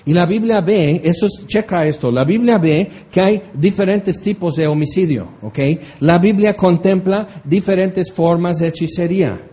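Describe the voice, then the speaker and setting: A man teaching a Bible passage as a preacher, chatty and animated, often slipping into mock voices. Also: high-pitched, normal speed, few pauses.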